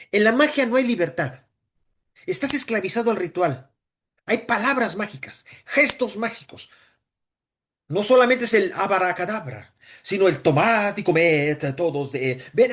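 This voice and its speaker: Priest guy giving a loose teaching talk, middle-aged, animated, repeats himself a lot, voice jumps all over. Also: high voice. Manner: animated, acts out voices, frequent repetitions.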